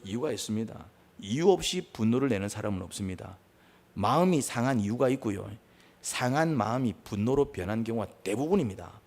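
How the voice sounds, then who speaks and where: A male pastor preaching a sermon, asking the congregation questions and acting out quarrels in raised voices. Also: brisk. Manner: animated, asks the congregation questions, acts out quarrels in high voices.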